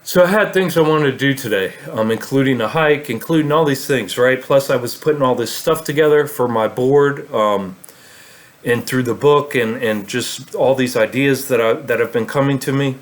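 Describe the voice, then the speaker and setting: A man's voice: mid-range voice, moderate pace. Rambling man telling a story. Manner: rambling, many fillers and restarts. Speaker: vlogger. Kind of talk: casual storytelling monologue.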